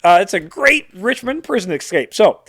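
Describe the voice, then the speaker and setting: Male history podcast host, fairly high-pitched, animated and informal, salty storyteller bantering with a co-host. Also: normal speed. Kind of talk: casual history recap with banter.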